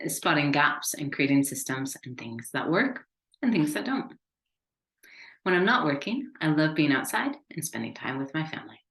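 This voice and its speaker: A woman from the United States works as a business consultant and gives a webinar in a friendly, upbeat, conversational way. Her voice is deep with a fairly bright tone, and the recording has room echo.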